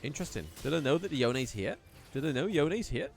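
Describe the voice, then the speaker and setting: A man casting a live esports match in a chatty, rambling play-by-play style that rises in excitement during fights. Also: fairly high pitch, a little fast, faint music behind. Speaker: esports caster. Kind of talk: live play-by-play game commentary.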